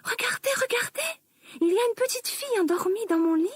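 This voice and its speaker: A woman voicing a tiny baby bear cub who talks in a high, tearful, wailing voice. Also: lively intonation, a little fast, dry recording, studio quality. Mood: alarmed.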